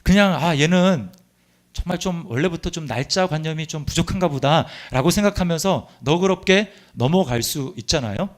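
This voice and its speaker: A middle-aged man, a pastor, preaching a sermon in an earnest, confessional way with sudden loud emphasis in a church sanctuary. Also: on the high side, expressive, moderate pace.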